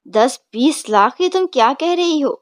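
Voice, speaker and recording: A woman voicing a blustering older father, startled and gruff but quickly cowed by his wife. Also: very high-pitched, dry recording, clean studio sound. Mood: alarmed. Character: blustering rich older father, easily flustered.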